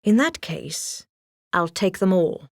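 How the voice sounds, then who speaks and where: A woman's voice: lowish voice, animated, takes it slowly, dry recording, studio quality. A woman voicing a haughty, scheming rich villainess in a storybook, with a theatrical drawl and sneering menace. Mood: devilish. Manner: crooning drawl turning to sneering threats.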